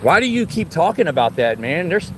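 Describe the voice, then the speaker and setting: A man's voice: on the high side, big pitch swings, brisk. A man live-streaming outdoors at a police station, arguing in a taunting, scolding way. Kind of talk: confrontational live-stream argument. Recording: noisy outdoor recording, vehicle sounds.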